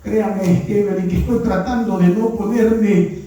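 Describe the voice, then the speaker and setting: A man's voice: high voice, steady tone, measured pace, dark tone, highs cut off. A man preaching a conversational sermon as pastor. He keeps adding tag questions and sometimes raises his voice. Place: church. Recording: very echoey church hall, distant mic.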